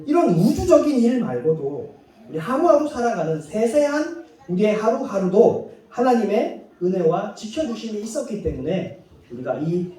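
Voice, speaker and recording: A man preaching a sermon in a church hall, his voice high and mellow. He rises and falls freely and acts out quotes now and then with a light laugh. Heavy echo and a distant mic make him sound far off in a big room. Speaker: pastor. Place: church sanctuary.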